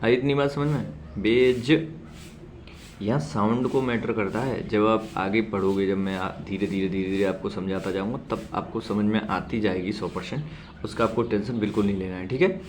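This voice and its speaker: A man teaching a shorthand class, slowly repeating example words loudly and reassuring his learners. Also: on the low side, steady tone, slight background noise. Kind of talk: classroom lesson.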